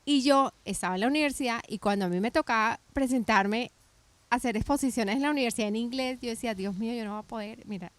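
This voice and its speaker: Lively woman telling her story. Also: on the high side, fast, dry recording. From Colombia. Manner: animated storytelling with many restarts and self-corrections. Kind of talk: casual faith podcast chat.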